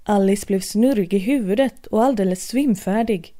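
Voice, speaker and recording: A woman narrating a children's storybook at a gentle, even pace. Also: mid-range voice.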